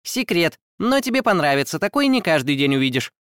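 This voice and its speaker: A male audiobook narrator voicing a tiny, fussy and nosy female fairy who rides an owl, chattering impatiently in a high squeaky put-on voice. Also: sing-song, fairly quick, a bit bright, clean tone, no room sound, studio quality. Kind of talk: audiobook character voice.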